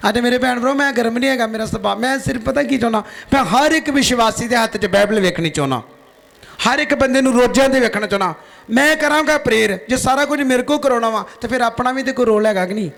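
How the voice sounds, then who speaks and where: A man's voice: very high-pitched, fast, gravelly, a bit bright. A man preaching a fiery sermon, firing questions at his congregation. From Punjab, India. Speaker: pastor.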